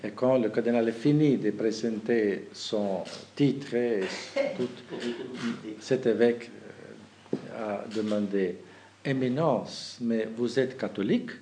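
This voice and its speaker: A bishop from Kazakhstan speaks to the faithful, slowly and haltingly, in a language that is not his first. He restarts his sentences often and fills the gaps with little hesitations. A faint hiss of noise sits under his voice. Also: fairly low pitch. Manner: halting, many restarts and fillers, laughs at own anecdotes. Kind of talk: talk to the faithful.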